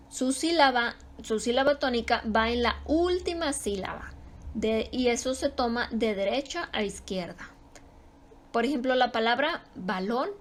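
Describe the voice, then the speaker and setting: A woman teaching a grammar lesson, explaining slowly and repeating example words with strong stress. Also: on the high side.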